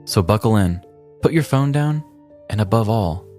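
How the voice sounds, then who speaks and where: This man's lowish, darkish voice carries lively intonation at a normal speed, with soft music playing behind him. Hosting a podcast, he narrates scripted comedy as a mock-dramatic, tongue-in-cheek story.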